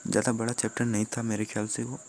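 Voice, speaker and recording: A man from Jharkhand, a teacher, going through a school syllabus in a steady listing manner with fillers. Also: fairly low pitch, fast, a little hiss or hum. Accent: Jharkhand Hindi. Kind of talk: explaining a syllabus.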